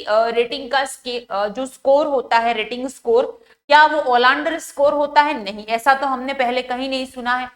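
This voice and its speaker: Nursing exam tutor: woman, Rajasthani Hindi accent, high voice, step-by-step explainer with frequent fillers. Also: a bit bright. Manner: explains step by step, asks students to answer, many fillers. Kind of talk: exam-prep lecture.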